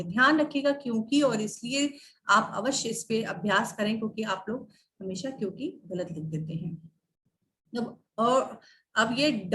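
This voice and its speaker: A woman teacher explaining spelling and pronunciation in a recorded lesson, drawing out each example word slowly. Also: on the high side, a bit bright, slight background noise. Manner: slow, drawn-out enunciation of example words. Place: online class video.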